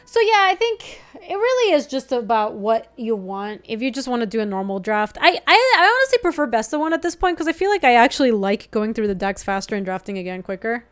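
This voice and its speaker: A young Ecuadorian woman, a native Spanish speaker, streams a card game live and chats casually with viewers, reading their messages aloud with quick reactions and laughs. Her somewhat high voice is sing-song and clean.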